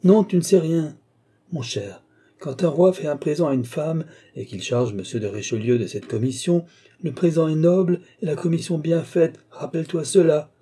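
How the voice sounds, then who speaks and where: A man's voice: on the high side, normal speed, warm tone, husky, voice pushed up. A man voicing an aged, mannered court duke who mocks and lectures in an affected, theatrical way. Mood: sly mocking.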